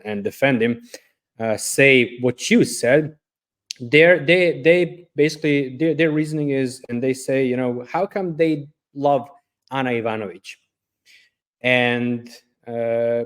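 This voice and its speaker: A man from Serbia hosting a podcast, talking in a casual, thoughtful, hesitant way with many fillers. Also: medium pitch. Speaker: podcast host.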